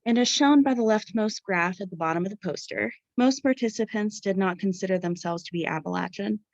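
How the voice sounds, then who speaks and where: A woman's voice: mid-range voice, brisk, no room sound. Young American woman presenting, dull dry recording. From Pittsburgh area, United States. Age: young adult. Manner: formal, carefully read-out delivery. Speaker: student researcher presenting a study. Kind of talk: scripted academic presentation.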